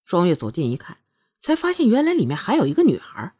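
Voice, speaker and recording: A woman narrating a romance novel chapter in an expressive storytelling manner. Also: on the low side, quick pace, slightly rough. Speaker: audiobook narrator. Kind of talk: scripted narration.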